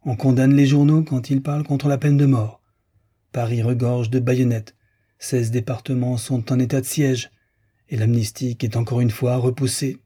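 A distraught young idealist pleads in a doleful, plaintive voice that sits a little higher than the reader's own, as a man puts him on for an audiobook. The tone stays dark and mellow, with a husky grain. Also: flat delivery, moderate pace, natural voice. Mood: indignant.

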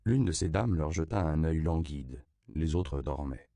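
Deep gravelly male narrator. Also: expressive, a little slow, warm tone, no echo. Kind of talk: scripted narration of a novel.

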